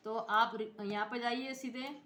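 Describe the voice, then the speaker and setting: A woman teaching computer software in speech, explaining each step and spelling out letters as she checks in with her viewers. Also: a little high, steady tone, a little slow. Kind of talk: screen-recorded software tutorial. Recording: echoey room.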